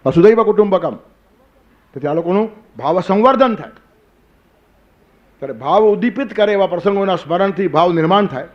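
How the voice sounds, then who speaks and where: A man's voice: sits high, dull audio. An older man giving a spiritual discourse, telling stories, asking rhetorical questions and quoting verses. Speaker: spiritual teacher. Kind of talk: Gita discourse sermon.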